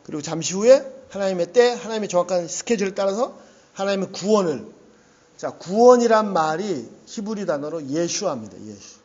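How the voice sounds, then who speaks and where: A male pastor preaches in a lively, conversational way, often dropping in a quick "yes." His voice sits high for a man. The lo-fi recording has a muffled, dull tone. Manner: animated and conversational, often saying "yes" and laughing. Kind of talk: sermon.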